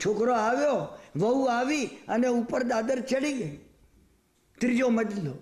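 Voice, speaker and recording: A man preaching a storytelling sermon, animated, often turning to the listeners with asides. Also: very high-pitched, a little slow, echoey room. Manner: animated, rhetorical asides to the audience.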